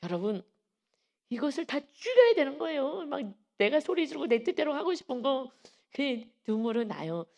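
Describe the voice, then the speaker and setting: A woman pastor delivers an early-morning sermon in a church, her voice carrying a gravelly rasp. She preaches with emphasis and often acts out the voices she quotes. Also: high voice, very animated, normal speed, darkish tone. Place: church sanctuary.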